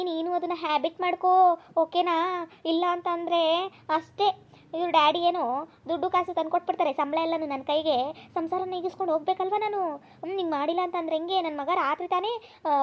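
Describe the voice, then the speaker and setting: A woman playing a loud, thrifty, scheming mother who scolds and gossips in a comedy skit. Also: extremely high pitch. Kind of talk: comedy skit role-play.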